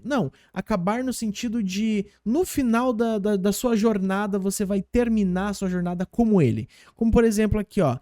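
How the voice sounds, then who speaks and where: A Brazilian man teaching English in Portuguese, repeating example phrases slowly and patiently. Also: high voice, dark tone, no echo, clean studio sound. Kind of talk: language lesson explaining game clips.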